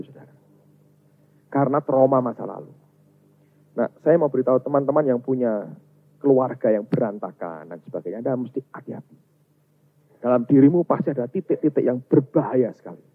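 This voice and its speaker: A man preaching a sermon as a pastor, emphatic and swinging from loud to soft. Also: medium pitch, breathy edge. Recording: tinny, phone-like sound.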